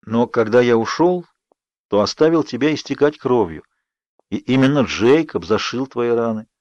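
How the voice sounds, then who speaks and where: A man voicing Edward, a sorrowful ageless vampire who speaks softly and with resignation, in an audiobook. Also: medium pitch, lively intonation, normal speed, no echo, lightly acted. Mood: resigned. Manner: soft, murmured, resigned. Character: sorrowful ageless vampire youth, gentle and restrained. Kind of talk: audiobook character reading. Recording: dry, slightly dull studio read.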